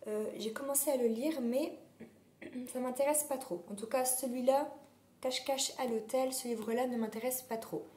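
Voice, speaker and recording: Hoarse chatty woman with a sore throat. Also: high voice, fairly even intonation, normal speed, dark tone. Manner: chatty, rambling, many fillers. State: sore throat, losing her voice. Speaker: vlogger. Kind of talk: casual chat. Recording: roomy echo.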